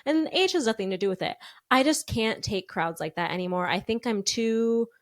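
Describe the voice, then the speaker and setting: A woman's voice: on the high side, lively intonation, moderate pace. A woman from Wisconsin with an American accent, co-hosting a podcast and telling stories casually and expressively. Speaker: podcast co-host. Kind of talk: casual chat.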